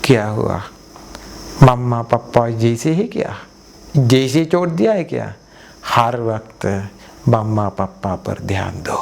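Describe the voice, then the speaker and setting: A man's voice: medium pitch, animated, slow, creaky, pauses often, a little mellow, slight background noise. A man from Sri Lanka, a Buddhist monk giving a sermon in simple, Hindi and repeating his phrases for emphasis.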